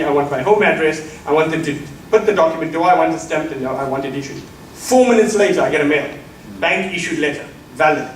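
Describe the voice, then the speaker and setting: A middle-aged South African man with a slightly high voice gives an emphatic keynote lecture in a lecture hall, addressing the audience as colleagues. A far mic adds roomy echo, with faint ambience and a little hiss or hum.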